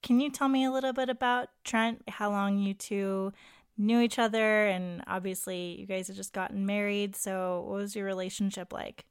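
A woman narrating a documentary and asking interview questions in a calm, measured way. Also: medium pitch, clean tone, no room sound, clean studio sound.

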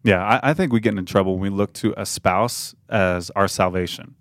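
A man with a fairly low voice leads a casual faith podcast conversation. He speaks reflectively, with emphatic turns. The sound is close and dry, with no room around it. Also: moderate pace, no room sound. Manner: reflective, emphatic, quotes imagined speech. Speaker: podcast host.

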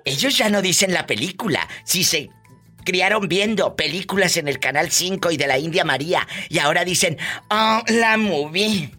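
A radio host doing comedic banter, teasing callers and shouting catchphrases with a flamboyant manner. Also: mid-range voice, a little fast, faint music behind.

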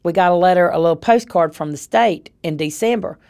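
A woman's voice: fairly low pitch, brisk, gravelly, darkish tone. A woman with a Southern US accent telling her own story in a plain-spoken, conversational way. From North Carolina. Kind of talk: personal storytelling.

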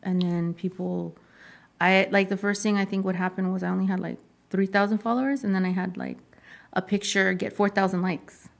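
A woman's voice: medium pitch, steady tone, moderate pace, vocal fry, slight background noise. A young woman, a social media creator, chatting casually as an interview guest, trailing off with lots of fillers.

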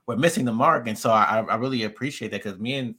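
A man's voice: medium pitch, sharp tone, slightly rough. A man hosting a casual faith discussion, affirming and conversational. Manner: affirming, conversational, quick to agree.

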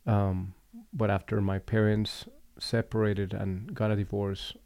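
A man from Colombia hosting a relaxed conversation, speaking reflectively with frequent pauses and restarts. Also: fairly low pitch, no room sound. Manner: reflective, unhurried, with fillers and restarts. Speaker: podcast host. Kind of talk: casual conversation.

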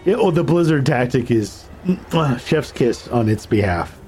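A man's voice: mid-range voice, lively intonation, a little slow, a little mellow, faint music behind. A man acting as game master, casually narrating and adjudicating a tabletop game.

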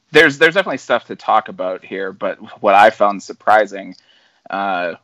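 Host, male, lower voice, relaxed and rambling, dry close mic on a video call. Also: no room sound, lo-fi sound. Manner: easygoing, lots of fillers and restarts. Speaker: podcast host. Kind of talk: casual chat on a video call.

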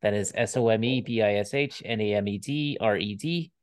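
A man's voice: fairly low pitch, fairly quick, no echo. A man co-hosting a casual podcast chat, laid-back and given to jokey asides. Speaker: podcast co-host.

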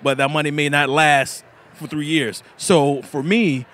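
A man's voice: fairly high pitch, fairly even intonation, unhurried, fairly bright tone. A man in his thirties, a bladesmith being interviewed at a food festival, talking earnestly with frequent restarts. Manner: earnest, restarts often, laughs easily. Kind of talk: casual interview. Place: busy food festival, indoors.

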